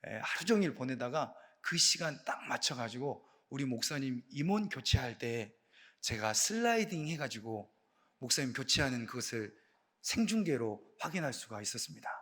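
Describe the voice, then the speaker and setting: A man serving as associate pastor, giving a casual sermon at a Friday night prayer meeting in a church, chatty and playful, often asking the congregation questions. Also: moderate pace. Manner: lively swings in pitch and loudness for emphasis. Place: church sanctuary.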